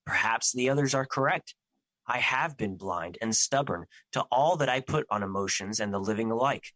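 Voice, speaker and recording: An actor in an audio drama playing Fear personified, a solemn, protective immortal who speaks formally and earnestly, full of remorse. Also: male voice, medium pitch, normal speed, bright, forceful tone, no room sound, natural voice, poor audio. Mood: remorseful, reflective. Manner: formal, stilted, earnest phrasing without contractions.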